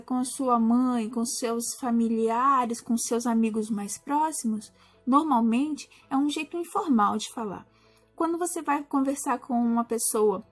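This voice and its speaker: Woman teacher, high voice, patient explaining, many restarts, faint music behind. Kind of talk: recorded class explanation.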